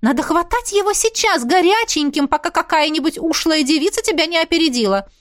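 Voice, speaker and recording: A woman doing a gushing, pushy mother. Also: fairly quick. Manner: excited chatter, high and sing-song. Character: vain gushing middle-aged mother, fussy and pushy. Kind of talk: audiobook character voice.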